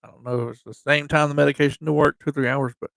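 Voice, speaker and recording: A man hosting a casual livestream, reading memorial entries in a halting way with slightly slurred speech, often restarting words and reading dates slowly. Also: fairly high pitch, fairly even intonation, gravelly, a bit bright, no echo. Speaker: livestream host.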